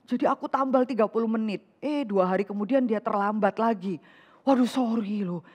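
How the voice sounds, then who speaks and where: Lazy excuse-making employee, put on by a woman preacher, apologetic and sheepish, high voice in a reverberant hall. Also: brisk, breathy edge, highs cut off.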